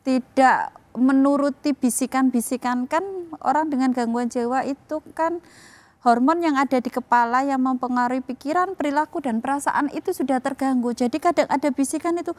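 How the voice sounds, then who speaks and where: A woman's voice: high voice, normal speed, a little mellow, no echo. A woman giving a reflective, heartfelt personal account in a TV interview. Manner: reflective, heartfelt, acts out quoted voices. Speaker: co-founder of a rehabilitation home.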